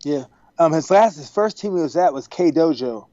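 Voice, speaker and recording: A man from Texas, a podcast guest on a video call, telling stories in a casual, animated way and acting out the dialogue. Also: fairly high pitch, moderate pace, no room sound. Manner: animated, acts out quoted dialogue. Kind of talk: casual storytelling. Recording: dry, dull video-call audio.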